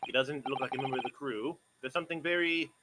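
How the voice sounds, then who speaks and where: A man's voice: mid-range voice, quick pace, heavy background noise, natural voice. A man voicing an earnest, bewildered young male hero in an amateur game dub, with wary, exaggerated asides. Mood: puzzled, wary.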